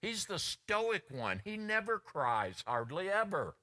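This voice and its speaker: A middle-aged male pastor preaching from the pulpit in a slow, unhurried cadence. His tone is bright and forceful, and he tells personal stories, slipping into the voices of the people he quotes. The sermon feels personal and conversational. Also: high voice, very animated. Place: church sanctuary.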